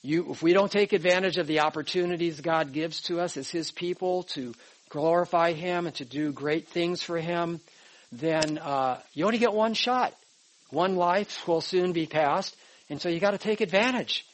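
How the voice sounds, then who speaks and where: An older man in his sixties with a notably high voice leads a Bible class from his notes. He talks in an emphatic, conversational way and keeps checking in with his listeners through "all right?" and "okay". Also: normal speed, low-quality recording. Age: 60s. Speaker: pastor teaching a Bible class.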